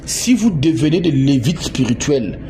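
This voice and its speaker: A man's voice: mid-range voice, sing-song, unhurried, dark tone. A man from Congo preaching a sermon, emphatic, repeating words and asking his listeners questions. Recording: noisy background.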